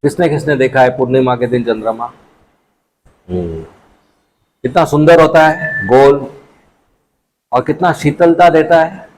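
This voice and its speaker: A man giving a storytelling sermon to a youth class, a lively storyteller who acts out his characters. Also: medium pitch, measured pace, pauses often, slight background noise, rough recording.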